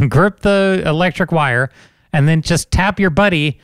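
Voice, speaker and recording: A man telling stories in casual podcast chat, animated and jokey, close to the mic. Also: on the high side, measured pace, no room sound. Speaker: podcast co-host. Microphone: close studio mic.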